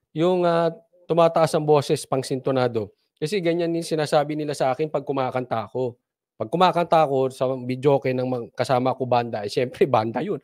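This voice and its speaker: High-voiced mocking Filipino commentator man. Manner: mocking, sarcastic, laughs often. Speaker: political commentary host. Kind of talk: casual political commentary.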